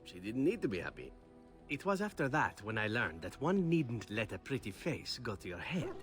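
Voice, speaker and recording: An actor playing a suave, playful assassin in a video game, telling tales in a wry, theatrical way. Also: male voice, medium pitch, huge pitch swings, normal speed, soft background music. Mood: amused, boastful. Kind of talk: video game dialogue acting.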